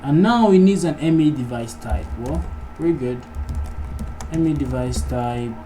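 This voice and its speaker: A programming tutorial host with a mid-range, expressive voice talks a little slowly, casually thinking aloud as he works through each step of an informal coding lesson. The recording is clearly noisy, with background noise and computer keyboard typing.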